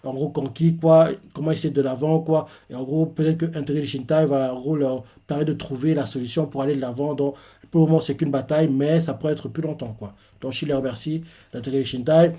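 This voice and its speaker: A man's voice: fairly high pitch, steady tone, a little fast, mellow, husky. A man casually recapping a manga chapter, rambling with constant filler words. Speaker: manga reviewer.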